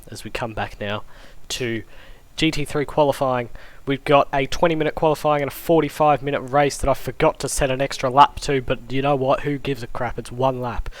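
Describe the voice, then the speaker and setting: A man giving casual, offhand commentary on a sim racing stream, joking as he goes. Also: mid-range voice. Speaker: race commentator.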